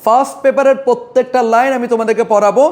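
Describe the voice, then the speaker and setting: A man's voice: very high voice, steady tone, darkish tone. A young Bangladeshi man with a Bangladeshi accent teaching English grammar in a live online class, repeating each point and answering his own questions. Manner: repeats key points and asks questions then answers them himself; slows down and stretches English example words.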